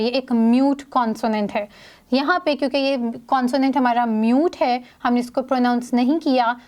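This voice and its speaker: A woman teaching a grammar lesson, explaining in Urdu mixed with English terms and reading example sentences slowly. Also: sits high, a little mellow.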